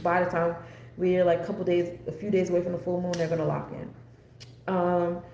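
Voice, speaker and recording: With a warm tone and vocal fry, this American woman's lowish voice runs a little fast and stays flat as she presents an astrology forecast. The talk is unscripted and casual, wandering conversationally. Echo and faint background noise come through in the recording.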